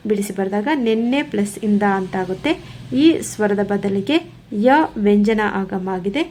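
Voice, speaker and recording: A woman teaches a grammar lesson, working through examples one by one in a slow, methodical, repetitive way. Her voice is medium-pitched and dark, with a little hiss or hum in the recording.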